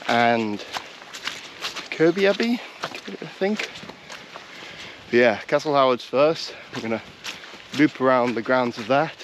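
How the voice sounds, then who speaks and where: There's a little hiss or hum behind this medium-pitched male voice. He's a walking vlogger in his thirties, congested, chatting offhandedly to an action camera during a countryside walk while making fun of himself and rambling, restarting his thoughts.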